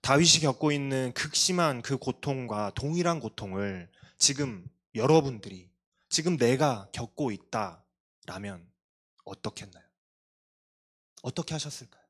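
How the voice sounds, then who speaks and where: A man's voice: mid-range voice, expressive, unhurried, a bit bright, husky. Earnest male pastor preaching. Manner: earnest, confessional, with self-deprecating asides. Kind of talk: youth sermon. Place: church.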